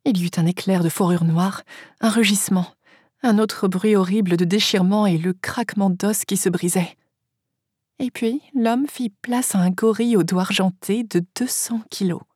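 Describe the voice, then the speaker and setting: Woman reading an audiobook, kinda husky, dry close mic, steady storytelling. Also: mid-range voice, moderate pace, no echo. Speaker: audiobook narrator. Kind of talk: first-person audiobook narration.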